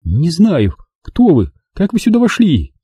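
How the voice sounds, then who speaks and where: Brief: male reader as a young woman near hysteria in an audiobook, raised pitch, dark husky tone. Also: measured pace, no room sound, clean studio sound, heavily acted. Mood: hysterical. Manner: flat and lifeless, then shrill and pleading. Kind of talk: audiobook narration.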